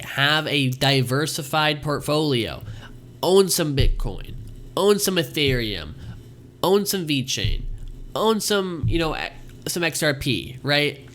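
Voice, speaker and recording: Hosting a laid-back live stream, a young guy with a fairly high, sharp-toned voice rambles and keeps thanking his viewers. His voice is audibly giving out as he goes.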